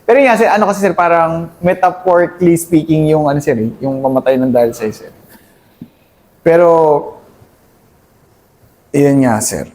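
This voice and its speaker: Army guy in his 30s telling war stories, says sir every other word, kinda high pitched and soft toned. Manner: deferential, says "sir" nearly every phrase; earnest, halting storytelling with many restarts. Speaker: army captain, interview guest. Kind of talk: conversational war recollection.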